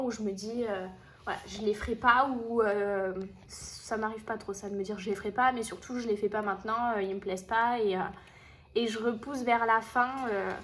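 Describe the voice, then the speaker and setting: A woman's voice: fairly high pitch, slight background noise. A woman chatting casually to camera about her finished coloring pages, with many fillers and restarts. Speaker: coloring hobby vlogger.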